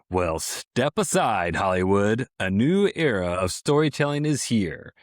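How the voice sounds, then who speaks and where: Deep, dry-voiced deadpan announcer for a mock ad, as a podcast host puts him on. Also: male voice, no echo. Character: deadpan male newscaster reading a spoof ad. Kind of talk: mock commercial read.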